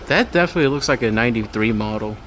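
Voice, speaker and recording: A man with a mid-range, slightly bright voice talks in an animated, rapid-fire way as he vlogs a casual walk through a big home improvement store, rambling and observing as he thinks aloud. Store music plays from overhead speakers, and the recording has a faint hiss or hum.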